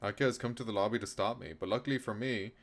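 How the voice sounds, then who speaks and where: A man with a fairly low voice talks fast while streaming a game, alternating between reading the story narration aloud and tossing in casual remarks. Background noise is clearly audible, along with the sound of rain during the stream.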